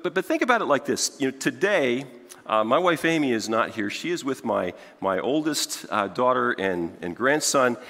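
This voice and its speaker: Animated pastor preaching in a reverberant sanctuary. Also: male voice, fairly low pitch. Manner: animated, conversational, frequent restarts and "right?" asides; paces the stage, gesturing. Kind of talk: sermon. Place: church sanctuary stage. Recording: long church hall reverb.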